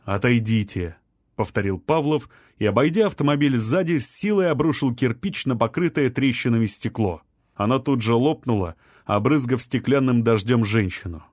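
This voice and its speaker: A man reading an audiobook in a measured, even storytelling manner. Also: medium pitch, dry recording, studio quality. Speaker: audiobook narrator. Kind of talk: scripted narration.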